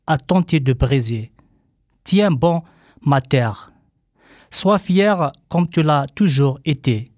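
A man reading a letter aloud in a solemn, measured way. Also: fairly high pitch, darkish tone, dry recording, clean studio sound. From Kabylie.

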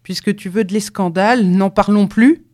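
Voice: medium pitch, moderate pace, a little mellow, no room sound, clean studio sound, pitched above the performer's own voice, lightly acted. A reader voicing a sly peasant man who bargains tersely and grudgingly. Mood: bargaining.

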